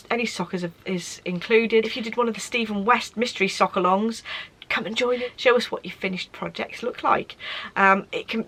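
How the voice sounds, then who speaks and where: A woman's voice: medium pitch, pushed and bright, poor audio. A woman hosting a craft podcast, chatting casually with frequent filler words. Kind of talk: casual chat.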